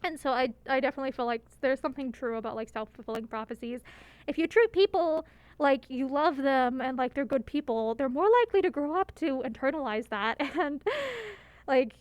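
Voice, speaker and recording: Woman game streamer, high voice, casual expressive commentary, rambling and giggly, dry close recording. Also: brisk, clear, resonant tone, no room sound. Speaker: livestreamer playing and voicing a game.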